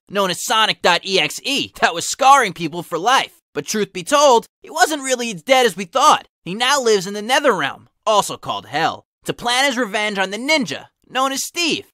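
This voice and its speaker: A man's voice: high-pitched, pushed and bright, no echo, studio quality, heavily acted. A man voicing a cocky, sarcastic cartoon hedgehog who reads fan fiction aloud with wry commentary. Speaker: host and reader.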